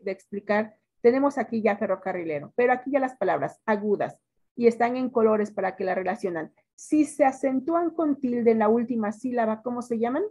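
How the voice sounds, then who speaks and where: A woman teacher with a Mexican accent, giving a classroom lesson, stretching words out slowly and quizzing her students. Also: on the high side, mellow.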